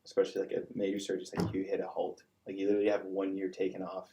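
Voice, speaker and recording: A man's voice: sits low, monotone, rapid-fire, background noise. A young man, a college student-athlete, talking earnestly in a casual podcast chat with many fillers. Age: young adult.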